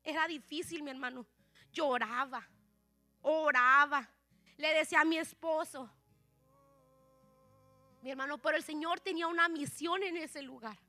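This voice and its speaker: Very high, bright-voiced woman preaching. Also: steady tone, moderate pace, pauses often, no room sound, soft background music. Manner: impassioned, keeps addressing listeners as "my brother". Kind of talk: sermon. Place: church sanctuary.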